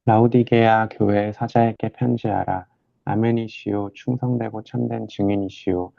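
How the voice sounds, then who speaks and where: A man reading scripture aloud to a study group in a slow, measured way. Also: lowish voice, steady tone, creaky, mellow, dry recording, muffled recording. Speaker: scripture reader.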